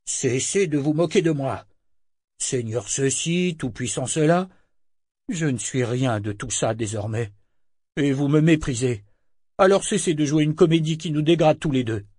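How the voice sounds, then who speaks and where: A man's voice: fairly high pitch, animated, normal speed, darkish tone, slightly rough, dry recording, clean studio sound, pitched above the performer's own voice. A man reading the lines of a sickly young governor who is sullen and bitter. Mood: resentful.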